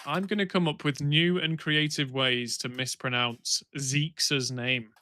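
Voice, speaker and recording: A man's voice: mid-range voice, steady tone, a little slow, pushed and bright, slight background noise. A man co-hosting a game stream, casually reading chat and chatting along. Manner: reads chat messages aloud, easygoing. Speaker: stream co-host.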